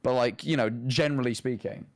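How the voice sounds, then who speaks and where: A man's voice: medium pitch, steady tone, a little fast. A man in casual comedic chat as a co-host, with dry, self-deprecating humour. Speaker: co-host reading listener confessions.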